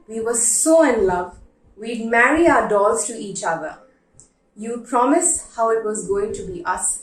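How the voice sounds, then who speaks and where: Slow-reading woman in an echoey room. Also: a little high. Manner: measured, pausing for emphasis. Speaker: reader of literary letters. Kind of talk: slow dramatic literary reading. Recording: roomy echo, distant from microphone.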